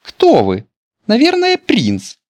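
A man's voice: very high-pitched, wildly swooping pitch, takes it slowly, darkish tone, voice pushed up, heavily acted. A man voicing a polite, naive, chatty little girl in a children's storybook reading.

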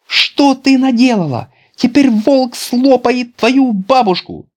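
A man's voice: very high-pitched, takes it slowly, voice pushed up, full character voice. A man voicing an insistent schoolboy who talks urgently, in a children's storybook reading.

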